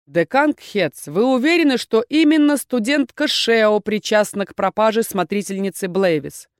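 A woman reading a calm, authoritative male rector who speaks in a measured, dryly dismissive way. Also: mid-range voice, no echo, studio quality, natural voice.

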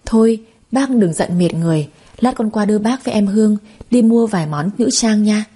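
A scheming young woman who speaks in honeyed, ingratiating tones, as a woman narrator puts her on. Her voice is soft and mellow, with a breathy edge. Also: mid-range voice, brisk, natural voice. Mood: sugary flattering. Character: sweet-talking scheming young woman, flatterer.

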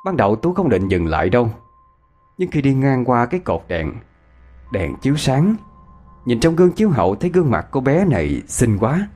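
A man narrates a ghost story. His delivery is dramatic, and his pitch moves around a lot. Faint music plays beneath him. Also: very animated, normal speed, darkish tone.

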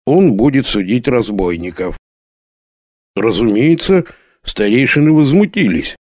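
A man reading a novel aloud as an audiobook, with a steady storytelling delivery. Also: mid-range voice, measured pace, no room sound, clean studio sound. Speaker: audiobook narrator. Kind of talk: scripted narration.

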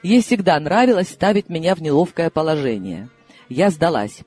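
A man reads a humorous first-person audiobook with an ironic, playful delivery. His voice is high for a man and jumps around in pitch. Music plays softly in the background. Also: moderate pace. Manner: lively, ironic storytelling.

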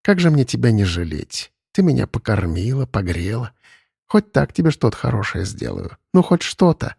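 A man voicing a skinny, meek stray male cat in a storybook, speaking softly and pleadingly. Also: mid-range voice, very animated, unhurried, slightly rough, no echo, studio quality, heavily acted. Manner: soft, pleading, hushed.

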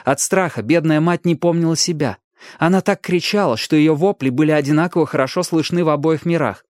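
An audiobook narrator giving a dramatic, expressive reading of a story. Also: mid-range voice, a little fast, no room sound, studio quality.

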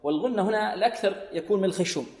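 A man's voice: sits high, rapid-fire, a little mellow. Man teaching recitation in an echoey hall. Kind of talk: tajweed lesson, explaining and demonstrating recitation. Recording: echoey room with long reverb.

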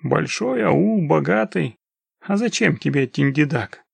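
Desperate pleading mountaineer father, gravelly and raised pitch, as a male narrator puts him on. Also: lively intonation, unhurried, no echo, exaggerated voice. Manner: pleading, wailing.

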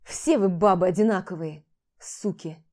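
An enraged, bitter young man barks out every line in an audiobook, rude and harsh, on the edge of shouting, as a woman reader puts him on. The tone stays dark and mellow despite the anger. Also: fairly low pitch, moderate pace, natural voice. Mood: angry, shouting.

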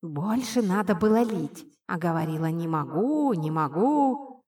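A woman's voice: on the low side, lively intonation, unhurried, dark tone. Woman putting on a whispery, nasal spirit kitten. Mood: mocking. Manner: teasing, condescending. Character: cheeky invisible male spirit, tiny winged kitten. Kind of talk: audiobook narration.

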